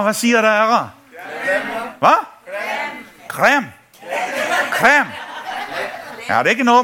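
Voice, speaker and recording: Animated high-voiced male preacher. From Denmark. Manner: animated, acts out voices in his stories, laughing often. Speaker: pastor. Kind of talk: sermon with storytelling.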